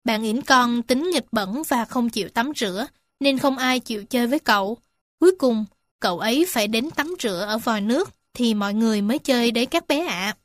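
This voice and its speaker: A woman reading animal stories and facts aloud to young children, gentle and addressing them warmly as little ones. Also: a little high, fairly quick, no echo, clean studio sound. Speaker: storyteller for children. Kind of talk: children's storybook narration.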